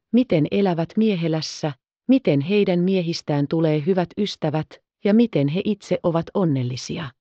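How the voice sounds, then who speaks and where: Calm woman audiobook narrator. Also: on the low side, no room sound, highs cut off. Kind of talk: scripted narration.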